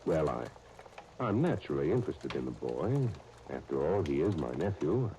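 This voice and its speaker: A very deep, thoughtful gentleman. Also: very animated, normal speed, full character voice. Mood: concerned. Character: mature, thoughtful gentleman, a concerned uncle. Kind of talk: 1930s radio soap opera acting. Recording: noisy 1939 radio disc recording.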